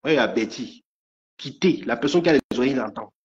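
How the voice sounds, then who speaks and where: A man's voice: medium pitch, expressive, brisk, a little mellow. A man ranting angrily on a live stream, stammering and repeating his threats. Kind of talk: angry live rant. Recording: dull lo-fi stream audio.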